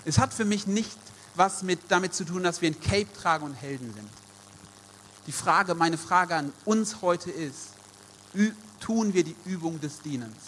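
A man's voice: high voice, lively intonation, a little slow, a bit bright, big-room sound, slight background noise. A man preaching a sermon in German, emphatic and addressing the congregation directly, repeating his key phrases. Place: church service.

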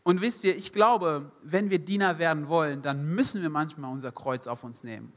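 Emphatic German preacher in a reverberant hall. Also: male voice, a little high, normal speed. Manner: emphatic, repeats key phrases, addresses listeners directly. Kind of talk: sermon. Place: church service.

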